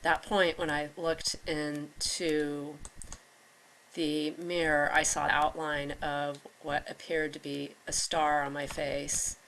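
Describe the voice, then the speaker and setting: A congested woman with a raspy voice recounts her experiences in a hesitant monologue full of pauses and fillers. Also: low voice, little pitch movement, a bit bright, slight background noise. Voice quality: raspier than usual. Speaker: vlogger recounting personal experiences. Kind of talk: halting personal monologue.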